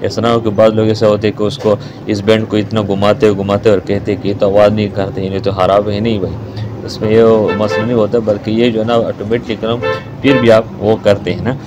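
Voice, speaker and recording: A man's voice: on the low side, flat delivery, fairly quick, over music. A man with a Pakistani Urdu accent giving a hands-on repair tutorial, explaining each step and repeating key words as he works. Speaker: repair technician.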